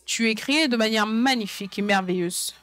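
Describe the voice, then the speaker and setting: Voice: mid-range voice, a little fast, fairly bright tone. A French voice-over of a preacher, talking in a conversational way, often checking in with listeners and restating points. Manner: frequent check-in questions to listeners. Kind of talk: dubbed sermon, conversational preaching.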